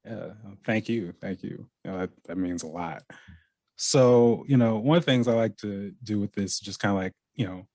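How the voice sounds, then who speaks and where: A man hosting an interview, speaking casually and haltingly with many fillers. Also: fairly low pitch, darkish tone, no echo. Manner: halting, lots of "you know" fillers. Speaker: interview host.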